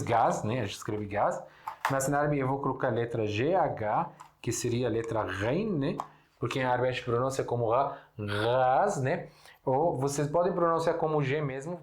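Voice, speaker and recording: Guy teaching words, easygoing, keeps asking "right?", mid pitch. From Syria. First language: Arabic. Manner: explains slowly, writes on a board, checks in with "né?". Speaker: Arabic teacher. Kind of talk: casual language lesson.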